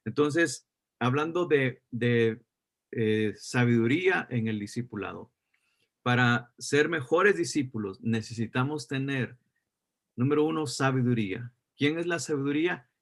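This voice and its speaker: A man's voice: mid-range voice, unhurried. A pastor teaching a sermon in a mid-range voice. He repeats his key points and keeps asking his listeners questions. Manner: repeats key phrases, asks the audience questions.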